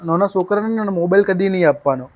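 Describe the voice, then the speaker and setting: At home at night, a young man with a high voice chats fast and casually in a family vlog, coaxing his small child in between. He uses a handheld mic, and the audio sounds dull.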